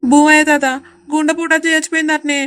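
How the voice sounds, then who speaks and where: A woman's voice: sits high, little pitch movement, fairly bright tone. A woman voicing a meek young village brother. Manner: meek, quick agreement. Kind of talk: cartoon voice acting.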